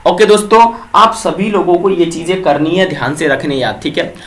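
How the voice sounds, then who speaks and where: A young man with a high-pitched voice teaches English words for an exam. He keeps putting questions to his viewers and answers them himself, tagging each point with a quick check-in. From Bihar, India. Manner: repeats quiz questions to viewers, fills with "ठीक है". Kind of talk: exam-prep vocabulary lesson.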